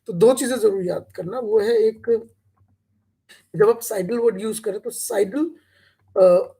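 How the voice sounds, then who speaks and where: A man teaching a live online English class, explaining slowly in Hindi mixed with English, with many hesitant fillers. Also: sits high, creaky, dark tone, slightly rough, rough recording.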